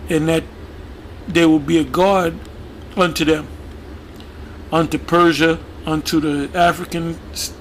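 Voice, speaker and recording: Higher-pitched man giving halting commentary. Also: a bit bright, a little hiss or hum. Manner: halting, many fillers and restarts, talks through what is on screen. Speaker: religious video commentator. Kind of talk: casual commentary reading a news page aloud.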